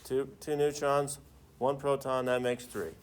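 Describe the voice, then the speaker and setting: A man's voice: medium pitch, little pitch movement, a little slow, smooth. A man teaching a class in the manner of a professor lecturing, informal and often checking in with students through questions.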